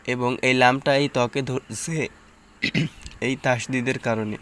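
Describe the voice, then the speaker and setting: Teaching Quran reading, a man with a mid-range, fairly bright, steady voice speaks slowly. He spells out letters and vowel marks one at a time, then chants the combined syllables in a letter-by-letter recitation drill.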